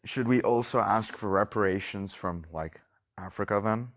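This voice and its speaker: A man with a very low voice argues bluntly on a casual debate stream. He swears freely and keeps checking that the listener is following him. His delivery is loose and conversational. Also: normal speed, a bit bright. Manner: argumentative, keeps checking agreement.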